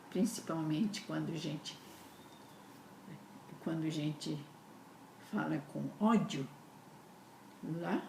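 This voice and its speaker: A woman giving an earnest, repetitive spiritual talk, often ending phrases with a questioning tag. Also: deep voice. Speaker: spiritual speaker. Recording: roomy echo with steady background noise.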